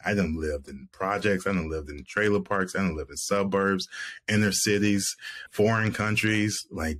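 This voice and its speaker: An actor in his thirties joins a video call as a guest from a room at home, giving reflective interview talk. His voice rumbles low with a fairly bright tone, and he speaks earnestly, often restarting his sentences.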